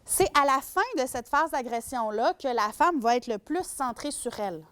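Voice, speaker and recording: A woman's voice: high voice, animated, moderate pace, a bit bright, clean tone. A woman with a Québécois accent giving a public lecture as a shelter worker on domestic violence. She speaks animatedly and acts out scenarios. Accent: Québécois French.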